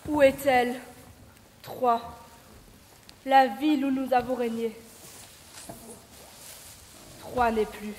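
A young woman acts a proud, grief-stricken queen in a stage tragedy. She laments slowly in a high, declamatory voice. The theater adds reverb and faint noise. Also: fairly even intonation, a little mellow. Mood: grave, resigned. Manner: mournful, declamatory.

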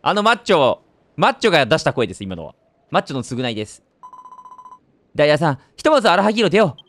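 A man's voice: a little high, big pitch swings, quick pace, a bit bright. A man with a Kansai accent, giving chatty let's-play commentary with wry asides. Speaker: game commentator.

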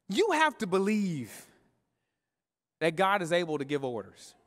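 This pastor's high, somewhat bright voice moves slowly with huge swings in pitch. Preaching live, he speaks casually and with slang straight to the congregation, and the sanctuary adds a long reverb.

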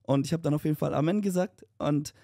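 A young man co-hosting a podcast, telling a story in casual chat, animated and mixing in English slang. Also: a little high, fast talker, vocal fry, no echo, clean studio sound. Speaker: podcast co-host.

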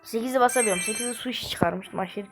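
A woman hosting a gaming channel, giving excitable, slangy live commentary and trash-talking the game as she plays. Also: on the high side, quick pace. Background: game music.

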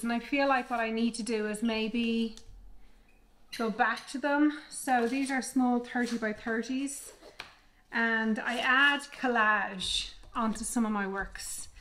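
Woman in her fifties, artist vlogger, fairly high voice, candid, reflective, meandering casual chat, home studio. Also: fairly bright tone, a little hiss or hum. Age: 50s. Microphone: microphone she moves away from and back to.

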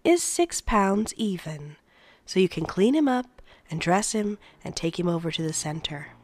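Woman doing a cooing gentle father. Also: on the low side, animated, moderate pace. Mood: businesslike. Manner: cheerful, cooing baby-talk voice. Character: gentle male nurturer father talking to newborns.

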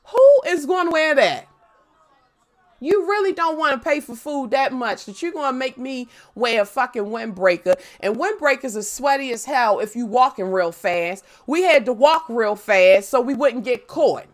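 A young woman with a slightly high voice chats on her live stream, swearing freely as she tells animated stories. Her talk is loose and casual, full of asides to her viewers. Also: moderate pace. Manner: animated, profane storytelling. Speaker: gaming livestreamer.

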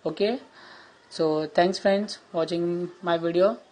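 A man giving a plain step-by-step software tutorial over a screen recording, with frequent fillers and restarts. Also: high voice, fairly even intonation, takes it slowly, background noise. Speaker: tutorial host.

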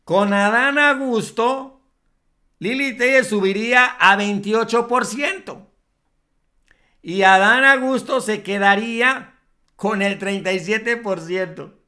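A man's voice: high voice, slow, pushed and bright. A man with a Mexican accent giving scornful, emphatic political commentary for a vlog, drawing out his words.

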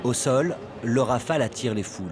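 Reading scripted documentary narration as voice-over, a man speaks in a mid-range voice at normal speed. Beneath him, faint location sound carries the noise of a crowd.

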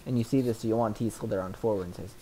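A man's voice: fairly low pitch, fairly even intonation, fast talker, mellow. A man narrating as game master in a casual, rambling way full of ums. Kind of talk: narrating a tabletop game online.

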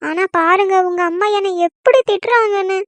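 A woman's voice: very high voice, fairly quick, a bit bright, no room sound. A woman voicing a scheming young wife in a cartoon comedy, plotting in sly asides and putting on tearful complaints. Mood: aggrieved. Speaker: daughter-in-law.

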